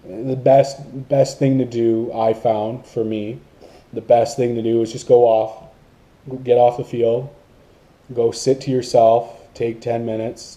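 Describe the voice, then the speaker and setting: A man's voice: mid-range voice, dark tone. A man vlogging about paintball to camera, in a rambling casual talk with many fillers and restarts.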